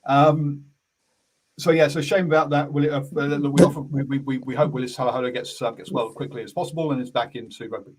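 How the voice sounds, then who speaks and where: A man's voice: medium pitch, steady tone, fast, rough recording. A man hosting a casual rugby radio chat, hesitant with many fillers and restarts. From New Zealand. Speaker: sports radio host.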